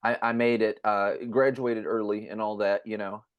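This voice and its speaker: A man's voice: lowish voice, little pitch movement, moderate pace. A man hosting a podcast, chatting casually and rambling with eager restarts. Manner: rambling, restarts, enthusiastic fan talk. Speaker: podcast host. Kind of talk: casual chat.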